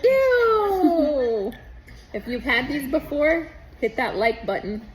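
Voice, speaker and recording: A woman's voice: on the high side, moderate pace, slight background noise, rough recording. A woman chatting casually for a home video in a playful, teasing way.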